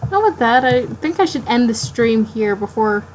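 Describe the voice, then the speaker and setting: A woman live-streaming her drawing late at night, sleepy and yawning, rambling to herself in halting, self-interrupting talk. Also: a little high, expressive, slight background noise, rough recording. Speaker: art streamer.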